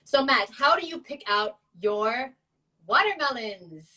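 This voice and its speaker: A woman's voice: high-pitched, animated, a little slow, pushed and bright, recorded from a distance, low-quality recording. A woman co-hosting a casual chat, talking in a chatty, playful way with laughing asides. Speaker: co-host.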